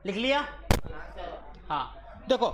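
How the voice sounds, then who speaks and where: A man's voice: sits high, big pitch swings, slow, fairly bright tone. A man teaching physics in a classroom lecture. He jokes and teases his students, slips English phrases into his explanations and repeats the key terms. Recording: live classroom recording with student chatter. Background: chattering students.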